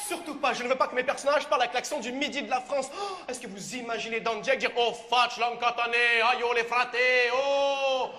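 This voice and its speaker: A man playing a melodramatic, high-voiced playwright. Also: steady tone, fairly quick, hardly any pauses, bright, forceful tone. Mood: indignant. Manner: melodramatic wailing outbursts. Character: pompous touchy male playwright Corneille. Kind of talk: stage comedy sketch. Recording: live stage with audience noise. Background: audience laughter.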